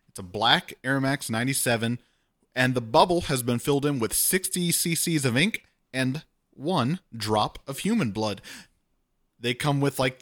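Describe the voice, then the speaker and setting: Man, casual podcast co-host, bright forward tone, chatty and self-mocking. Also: medium pitch. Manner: chatty, self-deprecating, quick asides. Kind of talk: casual chat.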